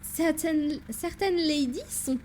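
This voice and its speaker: A woman's voice: high voice, slow pace, darkish tone, slight background noise, voice pushed up. A woman voicing a confident, spirited young female assistant, speaking in a self-assured, teasing way while reading game dialogue aloud.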